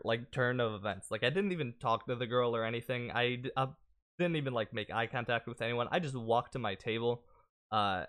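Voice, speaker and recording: A young man with a lowish, smooth, clear voice tells a long personal story in an easy, casual way. He rambles along with plenty of "uh" and "like" between his thoughts. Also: a bit bright. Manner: rambling, lots of fillers like "uh" and "like".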